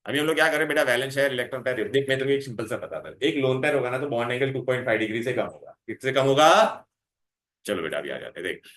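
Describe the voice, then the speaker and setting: Male chemistry tutor, mid-pitch, quizzing pupils nonstop; roomy echo, bits. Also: expressive, very fast, fairly bright tone. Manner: coaxing, calls students "beta", quizzes them constantly. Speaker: chemistry teacher. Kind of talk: revision lecture to students. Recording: echoey room.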